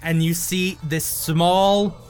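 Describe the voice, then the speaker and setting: A man improvising tabletop game narration as game master, descriptive and halting, with drawn-out pauses. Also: fairly high pitch, steady tone, a little mellow, clean tone. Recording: faint music behind.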